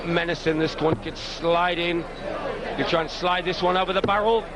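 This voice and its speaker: A man's voice: fairly high pitch, steady tone, normal speed. A man giving live darts commentary with colourful, theatrical turns of phrase. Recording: loud crowd and noise behind. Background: noisy darts crowd.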